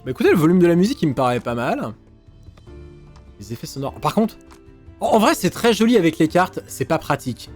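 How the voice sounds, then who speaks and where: Male let's-play streamer: animated, excitable, swears, talks through everything, game music faint behind. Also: fairly high pitch. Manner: excitable, swears, thinks aloud. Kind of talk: casual let's-play commentary.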